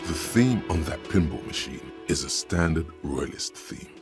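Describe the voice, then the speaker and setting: A grave, sardonic narrator of a detective video game. His voice sits extremely low, rumbling and slow as he dryly describes the scene. Quiet game music plays under him. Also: lively intonation.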